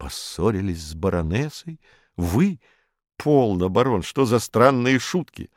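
A weary, composed nobleman from a storybook, as a male narrator voices him, speaking low and quietly with restraint. The delivery is slow, with a dry, close sound. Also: animated, no echo. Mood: restrained friendly.

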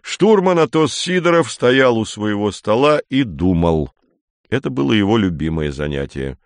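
A man with a lowish voice reads a story aloud, measured and expressive. He voices each character himself, and the recording is dry and close. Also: smooth, no echo. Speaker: narrator. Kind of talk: storybook reading.

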